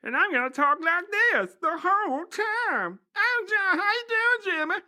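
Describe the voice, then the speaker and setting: Picture a cocky, crude man-child mocking his friend in a piercing, squeaking falsetto. during a goofy gaming podcast. It sounds tinny, sharp and over the top, full of taunts. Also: big pitch swings, a little slow, full character voice. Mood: taunting, squeaky. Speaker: podcast co-host.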